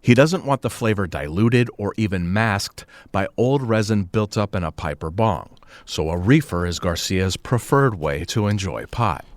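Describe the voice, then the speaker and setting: A man's voice: lowish voice, expressive, normal speed, few pauses. A man reading scripted feature narration as a reporter.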